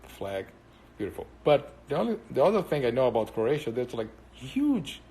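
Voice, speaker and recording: Speaking English with a Brazilian Portuguese accent, this Brazilian man, whose first language is Portuguese, chats loosely on a live stream and answers viewers as thoughts occur to him. His mid-range voice is very animated yet mellow. He rambles, pauses often, and fills the gaps with plenty of hesitations and fillers.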